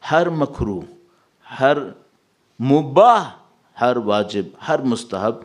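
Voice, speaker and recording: A man giving a religious sermon as a cleric, mixing English words into his talk and reciting Arabic verses slowly, swinging from emphatic peaks to soft low asides. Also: lively intonation. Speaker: Shia cleric giving a Muharram majlis.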